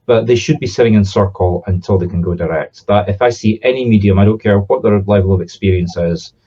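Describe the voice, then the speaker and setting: A Scottish man with a Southern Scottish accent talks informally and explains things conversationally through examples. His voice is low and soft-edged, with a mellow, slightly husky tone. The recording is a little dull. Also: brisk. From Scotland. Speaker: spiritualist medium and teacher.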